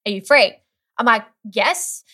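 In a slightly high voice at a measured pace, a young woman tells a lively story as a guest in a relaxed conversation. Her telling is sprinkled with "like" and she performs the voices of others.

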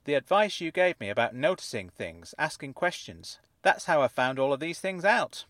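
A man's voice: on the high side, lively intonation, moderate pace, a bit bright, dry recording, pitched above the performer's own voice. A man voicing a polite, somewhat guarded teenage boy who speaks hesitantly and earnestly.

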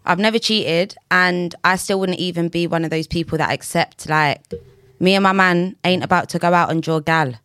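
A woman's voice: lowish voice, moderate pace, a bit bright, dry recording. A woman in her late twenties with a London accent, chatting casually in street slang as a podcast guest.

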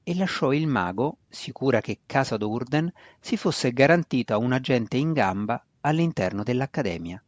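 A man's voice: mid-range voice, animated, normal speed, few pauses, no echo. A man narrating a fantasy novel as a reader. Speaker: audiobook narrator. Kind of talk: scripted narration. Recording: dry, dull lo-fi recording.

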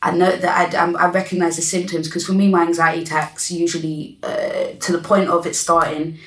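Woman host: candid and halting, lowish voice, echoey room. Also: level tone, far from the mic. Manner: open, reflective, halting with restarts. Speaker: podcast host. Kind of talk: candid conversation. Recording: roomy echo, off-mic.

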